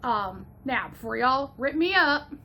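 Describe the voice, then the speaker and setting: Chatty high-voiced Ohio woman. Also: lively intonation, a little slow, sharp tone, a little hiss or hum. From Northwest Ohio, USA. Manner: chatty and gushing, slipping into a playful mock Southern drawl. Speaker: movie reviewer. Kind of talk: casual movie review.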